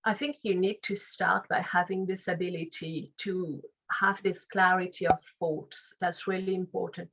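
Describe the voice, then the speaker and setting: A Frenchwoman in her late thirties with a French accent, speaking English as a second language. Her voice sits on the lower side, and she answers interview questions reflectively, circling back and rephrasing as she goes. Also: fairly bright tone, low-quality recording. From France. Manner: thoughtful, reflective, loose phrasing with restarts. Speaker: guest, legal and compliance officer.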